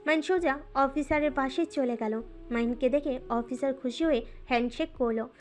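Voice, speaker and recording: A woman doing scripted narration of a romance audio story in a smooth, even storytelling manner. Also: high-pitched, brisk.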